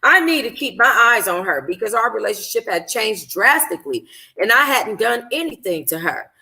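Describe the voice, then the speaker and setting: This woman's voice is on the high side, gravelly, pushed and bright, animated and at normal speed. As a book club host, she reads a novel aloud in informal first-person narration, occasionally stumbling and repeating phrases.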